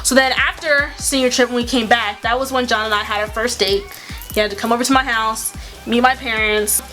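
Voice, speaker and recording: A young woman chatting casually, telling a storytime tale with quick asides and frequent laughs. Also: on the high side, steady tone, sharp tone, faint music behind. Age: young adult. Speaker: YouTuber.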